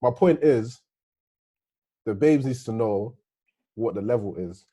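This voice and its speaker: A man's voice: mid-range voice, expressive, measured pace, warm tone, husky. A man, a guest on a casual podcast, telling stories emphatically in street slang. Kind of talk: casual chat.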